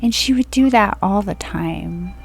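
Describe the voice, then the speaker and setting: A woman in her forties from Florida telling a personal story from home in a slow, rambling monologue that drifts onto tangents. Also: mid-range voice, vocal fry, faint music behind. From Florida, USA. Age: 40s. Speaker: spiritual video creator. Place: at home, indoors.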